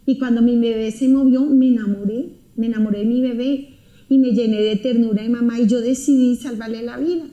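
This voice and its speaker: A woman tells an emotional personal story briskly, in a slightly high, warm voice with fairly even intonation. She speaks earnestly and intensely and keeps repeating herself, all heard with a roomy echo.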